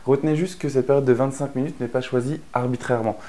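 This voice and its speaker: This mid-range voice is steady, mellow, and fast, belonging to a man from France. As an online course instructor, he narrates a chatty explanation of a productivity method, often restarting and using fillers.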